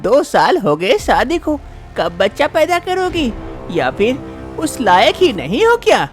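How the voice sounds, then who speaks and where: A shrill, sharp-tongued mother-in-law, as a woman puts her on for an animated drama. She nags and scolds with sarcasm. Her voice leaps up high and swings widely. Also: measured pace, soft background music, full character voice. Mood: scolding.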